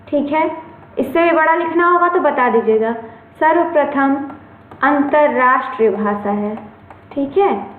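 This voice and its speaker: A woman teacher giving an online lecture, explaining patiently and often checking in with her students. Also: sits high. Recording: echoey room, phone-like sound.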